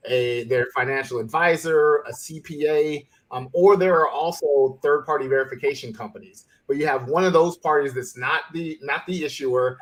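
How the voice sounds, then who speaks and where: A male attorney guest answers questions on a podcast. He explains things in a steady, methodical way, at a middle pitch.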